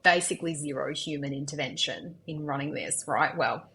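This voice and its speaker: Low-voiced woman co-hosting a tech podcast. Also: sharp tone, a little hiss or hum. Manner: chatty, quick to jump in and laugh. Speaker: podcast co-host. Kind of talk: casual tech podcast chat.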